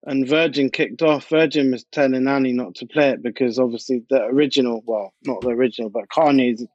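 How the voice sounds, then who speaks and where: Being interviewed, this DJ and producer tells stories in a relaxed way, often repeating points to stress them. He speaks briskly in a steady, medium-pitched, slightly mellow voice, on a dry, lo-fi recording.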